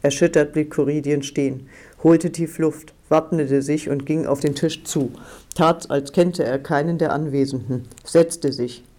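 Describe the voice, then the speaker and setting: Man reading an audiobook, slow and deliberate, mellow, kinda high voice. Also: fairly even intonation. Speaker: audiobook narrator. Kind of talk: scripted narration.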